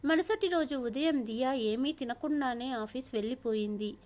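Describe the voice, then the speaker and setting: A woman narrating a family story in a steady, plain reading voice. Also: sits high, moderate pace.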